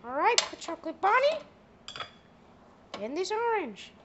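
A young man doing a squeaky foul-mouthed cartoon mouse. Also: big pitch swings, measured pace, very noisy, heavily acted. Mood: goofy. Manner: high squeaky put-on voice, swearing, drawling. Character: Mickey Mouse as a crude young cook, male. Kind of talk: comedy skit with a plush toy.

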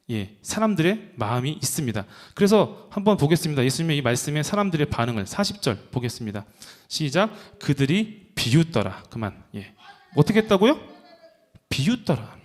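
A young male preacher delivers an emphatic sermon and keeps asking his listeners questions. His voice sits a little high for a man. It swings widely in pitch as he presses his points. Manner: asks the congregation many questions, emphatic. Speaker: youth ministry preacher.

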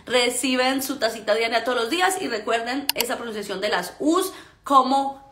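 A woman teaching English pronunciation in a lively way, often checking in with "ok?". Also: on the high side, moderate pace, reverberant, background noise. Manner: animated, repeats "¿ok?" to check understanding. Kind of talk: pronunciation lesson.

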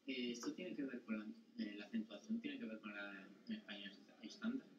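A soft, hesitant male student asks the teacher a question from the back of the class. His voice is a little low and sounds roomy and distant, with dull lo-fi sound. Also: a little fast.

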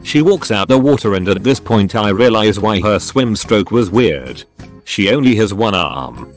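Low-voiced man reading stories aloud. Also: expressive, normal speed. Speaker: narrator of forum posts. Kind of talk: scripted narration. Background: faint background music.

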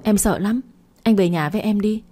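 A woman's voice: mid-range voice, normal speed, dark tone, close to an everyday voice. A woman voicing a scheming wife playing helpless. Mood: tearful pleading. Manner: whimpering, pleading. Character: scheming middle-aged wife feigning helpless distress.

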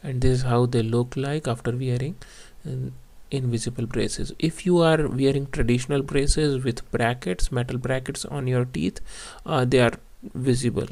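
A man vlogging while wearing clear teeth aligners and in pain from them, explaining in a plain, halting way with many fillers. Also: mid-range voice, fairly even intonation, darkish tone. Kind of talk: casual vlog walkthrough.

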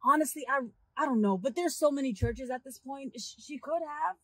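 A man's voice: very high-pitched, a little fast, dry recording, studio quality. A young man playing an exasperated young driver who ribs his friends in an amateur youth drama. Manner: exasperated, expressive.

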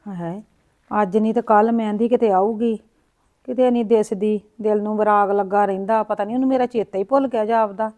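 A woman's voice: medium pitch, steady tone, quick pace, warm tone, close to an everyday voice. A woman acting a lonely, grieving old grandmother who sighs, laments and talks to herself in a village drama. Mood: lamenting. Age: older. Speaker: grandmother in a short film.

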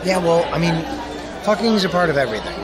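Really animated guy bantering outside, loud crowd all around. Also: a little high, fast. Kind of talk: casual banter. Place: outdoor picnic table at a fair. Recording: outdoor camera, very loud crowd.

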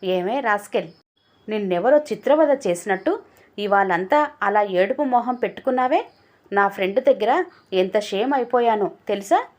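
A woman's voice: medium pitch, expressive, moderate pace, darkish tone, lightly acted. A woman voicing a domineering adult husband in a storybook reading, speaking harshly and scolding. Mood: angry.

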